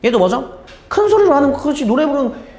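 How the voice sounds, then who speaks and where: A man with a fairly high voice explains an English exam passage to students. His pitch climbs and drops over a wide range as he asks questions and answers them himself. The room around him sounds echoey. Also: sing-song, brisk, a little mellow. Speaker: English teacher.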